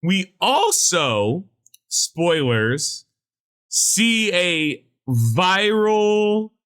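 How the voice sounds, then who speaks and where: Podcast co-host, male, bright and sharp tone, lively sarcastic ranter who swears freely. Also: sits high, extremely slow, smooth. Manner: animated, swearing, ranting with sarcasm. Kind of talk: casual pop-culture chat.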